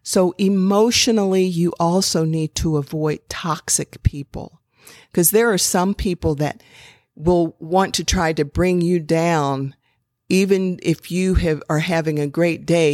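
A woman hosting a podcast, giving gentle, earnest self-care advice with a faith bent in an unhurried talk. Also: low voice, fairly even intonation, no echo, studio quality. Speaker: podcast host.

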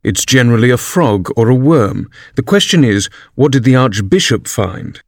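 A man's voice: mid-range voice, lively intonation, moderate pace, no room sound, clean studio sound, natural voice. A man voicing a blunt, matter-of-fact duck in a storybook reading.

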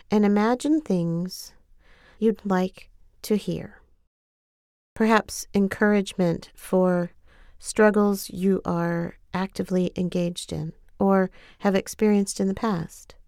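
A woman guiding a scripted self-care exercise in a gentle, compassionate, unhurried manner. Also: medium pitch, gravelly, no room sound, clean studio sound. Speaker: writing exercise guide.

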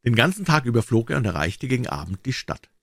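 Expressive man reading a fairy tale. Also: mid-range voice, fast, no room sound, studio quality. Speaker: audiobook reader. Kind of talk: scripted storybook narration.

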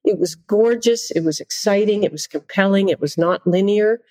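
A middle-aged woman, a conductor and interview guest, telling animated, self-deprecating stories in casual conversation. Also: medium pitch, moderate pace, no room sound. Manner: animated, self-deprecating anecdotes with frequent laughter.

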